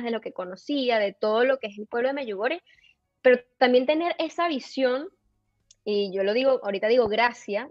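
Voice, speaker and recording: A woman guest on a podcast, telling a personal story in an animated way and filling her talk with "o sea". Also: fairly high pitch, no echo, lo-fi sound. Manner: animated, filler-heavy retelling with many "o sea". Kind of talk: casual storytelling interview.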